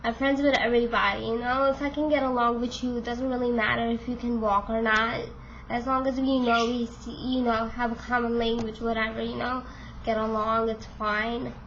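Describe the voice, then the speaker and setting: A vlogger in her twenties talks to camera in a chatty, frank way, full of fillers, her nose stuffed up and her voice giving out. Her voice is on the high side and a bit bright, with a level tone and moderate pace. The sound is lo-fi with a little hiss or hum.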